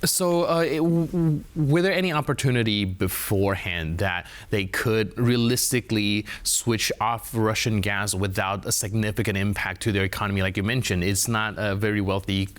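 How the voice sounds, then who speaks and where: A male news host reading a scripted introduction, then putting long, halting questions to a guest. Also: fairly low pitch, fairly even intonation. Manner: hesitant, fillers and restarts when asking questions.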